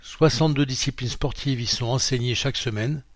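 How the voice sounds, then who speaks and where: Male reader, mid pitch, plain dry studio sound; reads articles aloud, calls out pages and quote marks. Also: fairly quick, no echo. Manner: reads out quote marks and page numbers, steady informative delivery. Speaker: magazine reader. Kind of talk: read-aloud narration of a printed magazine.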